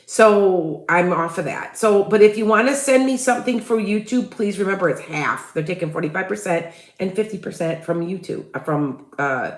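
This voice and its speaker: Expressive and on the low side, a Chicago-accented Midwestern woman talks at a normal pace on her casual psychic livestream. She rambles, restarts herself frequently, and asks viewers for tips, all in a roomy-sounding space.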